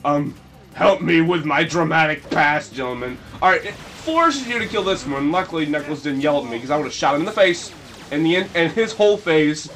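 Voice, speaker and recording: Goofy high-voiced man narrating gameplay. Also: animated, normal speed, a bit bright, slight background noise. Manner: goofy, rambling, with sudden shrill yelps. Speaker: let's play commentator. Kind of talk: casual gameplay commentary.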